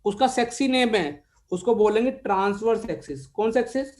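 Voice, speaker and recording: During a live online maths lecture, a man speaks in an expressive voice that sits high with a darkish tone, blending Hindi and English with an Indian accent. He slowly dictates notes, questions his students and addresses them as "beta."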